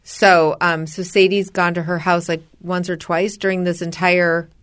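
Low-voiced woman chatting casually. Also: flat delivery, measured pace, a bit bright, smooth. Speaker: podcast co-host. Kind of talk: casual chat, personal storytelling.

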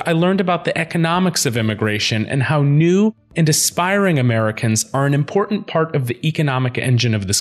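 A man hosting and narrating a podcast series in a measured, clear delivery. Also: mid-range voice. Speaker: podcast host.

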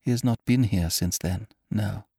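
This audiobook narrator has a low-ish, gravelly, dark and slightly rough voice, raised in pitch here to play a troubled young woman. At a moderate pace she falters and trembles, her fear building into alarm as she speaks. The studio recording is clean and dry.

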